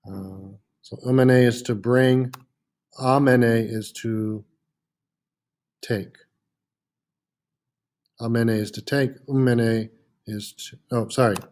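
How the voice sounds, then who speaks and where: A man's voice: medium pitch, steady tone, slow, long pauses, darkish tone. A man teaching a French lesson, patiently repeating words with frequent "uh" fillers. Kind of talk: classroom lesson.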